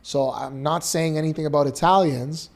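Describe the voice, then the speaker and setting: A man co-hosting a casual podcast, telling lively stories and acting out voices. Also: a little high, normal speed. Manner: animated storyteller, acts out voices. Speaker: podcast co-host. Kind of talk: casual chat.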